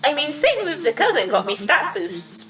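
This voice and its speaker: Giggly high-pitched woman streaming a game. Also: very animated, moderate pace, a bit bright, distant mic, soft background music, poor audio. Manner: giggly, swears often, reads game text aloud. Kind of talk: casual gaming livestream commentary.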